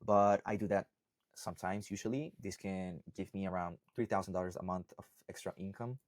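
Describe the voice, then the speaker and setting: Speaking a little fast in a low-pitched, steady voice, a young salsa instructor from Costa Rica explains things casually to the camera. He keeps ending points with "right?" and "okay?" in a conversational way, and the recording is dry, clean studio sound.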